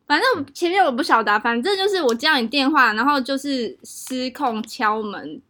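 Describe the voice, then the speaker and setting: A young woman with a Taiwanese Mandarin accent chatting casually, telling a story in an animated, exaggerated way. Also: high voice, fairly quick. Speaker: podcast co-host. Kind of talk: casual chat. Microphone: home test recording.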